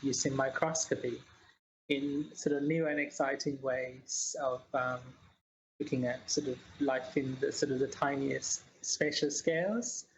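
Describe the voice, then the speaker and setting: Flat-voiced woman, hesitant and measured. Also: rumbling low, a little hiss or hum, low-quality recording. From Sri Lanka. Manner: measured, with many fillers and restarts. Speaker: guest scientist. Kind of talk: interview answers.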